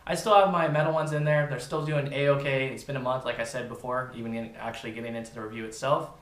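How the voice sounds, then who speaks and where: A man's voice: medium pitch, fairly even intonation, fast, reverberant. A man giving a casual, informal product review, talking directly to his viewers. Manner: informal, addresses viewers as "you guys".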